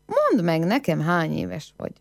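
A woman's voice: lowish voice, wildly swooping pitch, creaky, no room sound, studio quality, exaggerated voice. A woman voicing a discharged soldier, a plain-spoken man who asks blunt questions.

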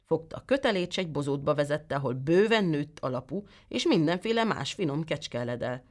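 Woman reading a storybook out loud, low-ish voice that swoops up and down a lot. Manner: lively expressive storytelling.

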